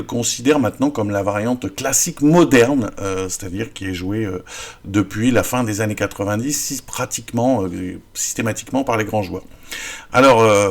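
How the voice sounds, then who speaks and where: Hesitant man teaching chess. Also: medium pitch. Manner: hesitant, many fillers and restarts. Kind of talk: casual chess lesson.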